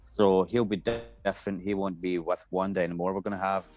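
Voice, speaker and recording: A man co-hosting a casual pop-culture podcast, musing aloud with frequent pauses and restarts. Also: low voice, flat delivery, darkish tone, soft background music. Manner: hesitant, lots of um and restarts while musing. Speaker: podcast co-host.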